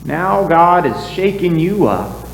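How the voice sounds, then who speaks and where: A male pastor preaching a sermon into a pulpit microphone, speaking slowly with a lively, rising and falling delivery. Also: a little high, creaky. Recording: echoey church hall, faint hum.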